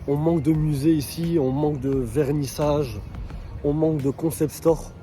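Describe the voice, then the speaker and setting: A man from France chatting casually in a travel vlog while walking around a city, often pausing on "euh" and restarting his sentences. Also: on the high side. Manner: chatty, relaxed, frequent fillers and restarts. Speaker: vlogger. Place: outdoors in a city. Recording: loud street noise behind.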